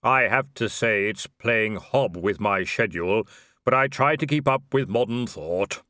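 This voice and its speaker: A man voicing Death as a tall robed figure who speaks slowly, calmly and with polite matter-of-factness in an audiobook, in a dry studio. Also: fairly low pitch, no echo. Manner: slow, measured, politely matter-of-fact. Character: tall dark robed Death, calm, slow, mild. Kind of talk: audiobook character voice.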